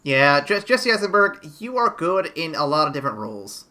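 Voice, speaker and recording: A man with a bright, forceful voice, pitched a little high. He chats casually about a film as host, wandering through restarts and fillers. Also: sing-song, a little fast. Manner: rambling, many restarts and fillers. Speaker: podcast host. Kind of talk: casual movie review chat.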